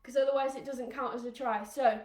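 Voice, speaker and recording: A woman's voice: high voice, steady tone, fairly quick, a little mellow. Upbeat woman coaching kids, echoey room. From England. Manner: upbeat, encouraging, counts down aloud. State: out of breath at times. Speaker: children's rugby coach. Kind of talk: live online kids' exercise session.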